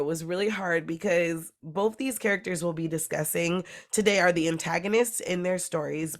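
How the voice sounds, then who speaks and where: Stuffy-voiced woman podcast host. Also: on the low side. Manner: laughs between lines, chatty. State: congested, sick voice. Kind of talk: casual podcast chat. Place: bedroom.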